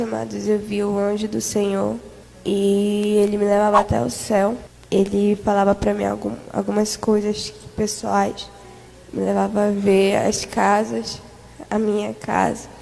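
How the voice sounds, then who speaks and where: A woman recounts a vision in an earnest church testimony, addressing the congregation as she goes. Her voice is gravelly and sits on a flat, even line. The recording carries a long reverb tail. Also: medium pitch. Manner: earnest storytelling, repeating "amados" to the congregation. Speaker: church member giving testimony.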